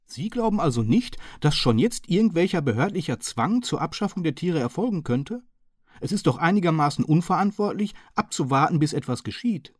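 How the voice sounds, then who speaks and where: A man's voice: a little high, animated, fairly quick, no room sound, studio quality, voice pushed up. A man voicing a slim, polite and modest middle-aged county councillor who speaks earnestly and precisely. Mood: worried.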